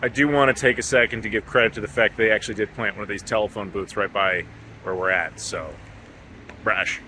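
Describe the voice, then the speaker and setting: A man's voice: fairly low pitch, fairly even intonation, fairly quick. Joking man vlogging on the go. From United States. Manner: joking, chatty, self-mocking. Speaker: travel vlogger host. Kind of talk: casual travel vlog chat. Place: airport and supermarket. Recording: noisy on-location audio.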